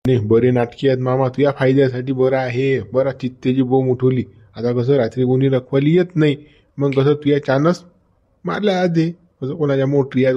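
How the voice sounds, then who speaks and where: A man's voice: medium pitch, dark tone, lo-fi sound, close to an everyday voice. A man with a Varhadi Marathi accent playing a sly, scheming villager in a comedy sketch, talking in a mocking, chatty way.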